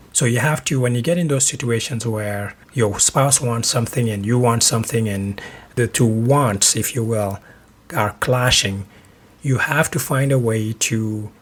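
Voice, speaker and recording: Husky-voiced man from Senegal, podcasting. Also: mid-range voice. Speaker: podcast host. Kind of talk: solo advice podcast.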